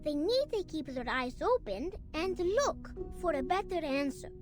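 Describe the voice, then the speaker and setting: A woman voicing an earnest, trusting little child in game dialogue, speaking slowly and carefully. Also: high-pitched, sing-song. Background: game music.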